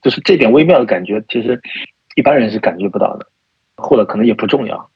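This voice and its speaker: A man's voice: on the low side, expressive, fast, breathy edge, no room sound. A man speaking as a podcast guest, thinking aloud with many fillers and restarts. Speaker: guest, type researcher. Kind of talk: casual podcast conversation. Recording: dull lo-fi sound.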